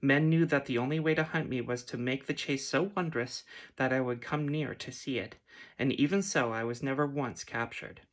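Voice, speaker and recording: A man voicing a proud, ancient female unicorn with a haughty, lofty manner, in a soft whispered role-play. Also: medium pitch, steady tone, normal speed, close to an everyday voice. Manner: indignant, lofty.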